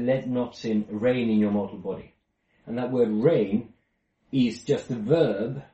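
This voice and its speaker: A Finnish man leads an informal Bible study, explaining things with many restarts and fillers. His voice is fairly low and dark, recorded in a roomy space far from the mic.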